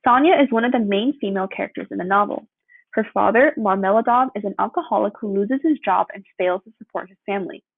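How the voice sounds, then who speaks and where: A young woman reading a prepared student presentation aloud. She keeps a steady pace and sometimes stumbles and corrects herself. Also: medium pitch, fast, gravelly, dry recording. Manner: steady read-through with occasional slips and self-corrections. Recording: dry, tinny phone-like sound.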